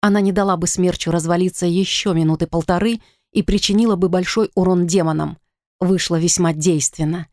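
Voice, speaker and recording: A woman narrating a first-person fantasy audiobook in an expressive, dramatic reading. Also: lowish voice, brisk, dry recording, clean studio sound.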